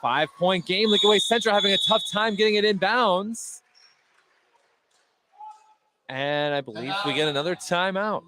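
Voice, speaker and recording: In a high-sitting voice at normal speed, with frequent pauses, an American man gives live radio play-by-play of a basketball game using clipped, running phrases. Behind him, a busy gymnasium echoes with noise and bouncing basketballs.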